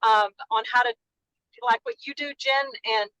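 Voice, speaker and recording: Calling into a video chat by phone while driving, a woman who works as a notary gushes in a Dallas Texan accent and says sorry for cutting in. She speaks at normal speed in a fairly high, sharp, smooth voice, on a low-quality recording with no echo.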